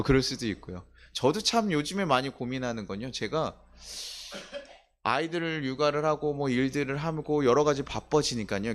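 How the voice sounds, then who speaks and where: Man, thirties, pastor, church sermon, conversational, asks the congregation questions, mid-range voice. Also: medium pitch. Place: church sanctuary.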